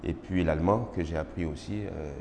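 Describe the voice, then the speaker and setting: A middle-aged magistrate from Côte d'Ivoire, whose first language is Baoulé, answers formal interview questions with an Ivorian French accent, measured and full of hesitations. His voice is deep and creaky. The recording is noisy and roomy with long reverb.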